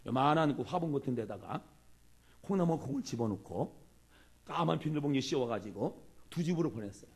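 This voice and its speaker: A man preaching a sermon as a pastor, animated and acting out the people he quotes. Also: mid-range voice, fairly quick, vocal fry, breathy edge. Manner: animated, acts out quoted speech.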